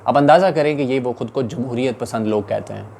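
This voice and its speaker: A man's voice: medium pitch, fast talker, creaky, darkish tone, slight background noise. A man with a Pakistani Urdu accent giving urgent, indignant political commentary.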